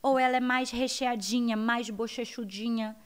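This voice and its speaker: A woman with a Brazilian accent, a guest educator explaining child development in an animated interview. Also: fairly high pitch, normal speed, clean tone. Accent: Brazilian Portuguese. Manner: animated, acts out her children's voices.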